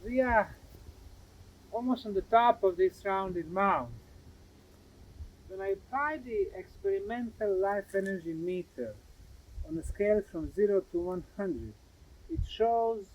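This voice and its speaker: Filmed at a grassy mound site, a presenter and researcher explains things to camera in an animated, slow, higher-pitched voice. The recording cuts off the highs and carries clear background noise from outdoors.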